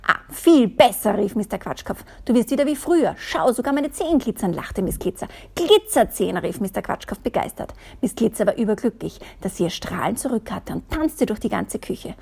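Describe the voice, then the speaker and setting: A woman reading a picture book aloud in a soft, half-whispered way, with playful asides. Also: mid-range voice, gravelly, husky. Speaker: reader.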